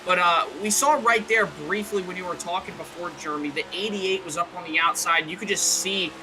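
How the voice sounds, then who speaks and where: A man doing live play-by-play commentary on a simulated stock car race, excitable and rambling, with a self-deprecating streak. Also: sits high, fairly quick, noisy background.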